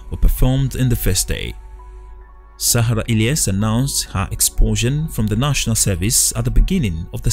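A man narrating a news documentary in a measured, even reading voice. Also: mid-range voice. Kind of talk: scripted news voice-over.

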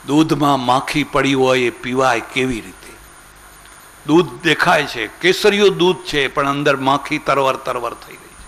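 A man's voice: mid-range voice, a bit bright, a little hiss or hum, low-quality recording. An older man with a Gujarati accent giving a spiritual sermon, telling stories and acting out the dialogue. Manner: storytelling, acts out dialogue, sings refrains slowly. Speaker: swami giving a spiritual discourse. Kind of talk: sermon with storytelling.

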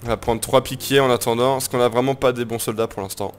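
A man's voice: mid-range voice, steady tone, fast, clear, resonant tone, soft background music. Joking man narrating his gameplay. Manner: jokey and playful, coins silly made-up words, swears casually. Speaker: gameplay commentator. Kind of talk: casual let's-play commentary.

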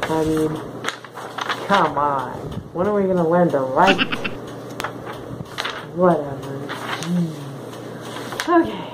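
A woman's voice: sits low, slow pace, long pauses. A woman in a costume head answering fan questions in a playful, sassy manner, her voice muffled by the mask. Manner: playful, sassy, in character as a winged canine creature. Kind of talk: casual chat. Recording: noisy background hiss.

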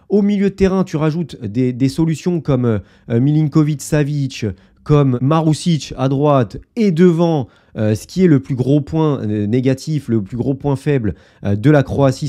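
A man's voice: medium pitch, mellow. A man hosting a casual football video, chatting opinions to his viewers with many fillers and asides. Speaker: football YouTuber. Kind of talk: casual football analysis to camera.

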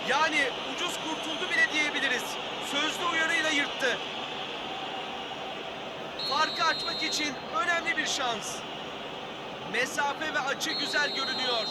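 A man playing an excitable football commentator in a video game, calling the match in short clipped phrases. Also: very high voice. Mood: focused. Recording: loud stadium noise behind voice.

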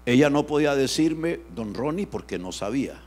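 A man preaches a sermon, his voice in the middle of the usual range for a man. He swings between loud bursts and soft, hushed asides. A low mains hum runs under the recording. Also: animated, moderate pace, soft background music. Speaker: pastor.

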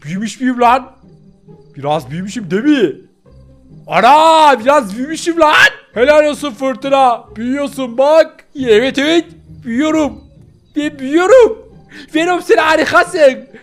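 A small male pitbull puppy, voiced by a man in a game role-play, whining and complaining in a high, pushed-up voice. He is eager and easily fooled, and his complaints sound needy rather than angry. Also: expressive, normal speed, faint music behind. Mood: delighted.

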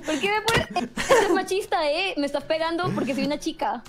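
Woman, high voice, blunt joking contestant, swears a lot, noisy mic. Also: expressive, fairly quick. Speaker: streamer, quiz contestant. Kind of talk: casual stream banter.

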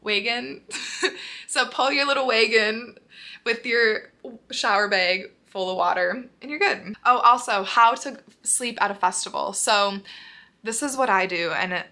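A woman's voice: on the high side, measured pace, pushed and bright. A young woman with a Minnesota accent chatting in a rambling, bubbly way about festival packing in her apartment, often saying "like". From Minnesota, USA. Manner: bubbly, rambling, heavy use of "like", frequent laughs. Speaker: vlogger. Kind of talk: casual chatty advice vlog.

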